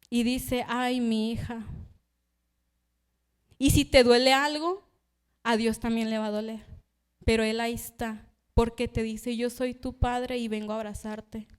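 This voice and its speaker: High, clear young woman preaching. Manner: personal storytelling, acting out voices in quotes. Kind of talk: youth sermon. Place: church.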